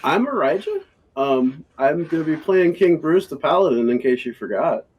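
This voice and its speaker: A man's voice: a little high, normal speed, breathy edge, dull audio. Dry-joking man at a game table. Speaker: player. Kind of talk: casual chat at a game table.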